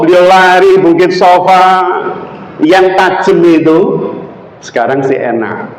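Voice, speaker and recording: A male Islamic preacher with a Javanese accent, giving an animated sermon and quizzing the audience with questions. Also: high-pitched. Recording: echoey hall, faint background noise.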